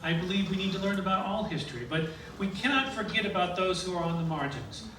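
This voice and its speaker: A man who is a minister giving a measured, earnest public comment at a board meeting. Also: sits high. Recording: echoey hall, from far off, noisy.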